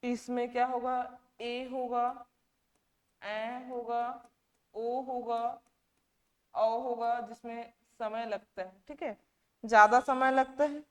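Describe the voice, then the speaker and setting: A woman teaching a class, asking questions and repeating key words slowly. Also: a little high, flat delivery, in a large hall. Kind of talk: classroom lecture.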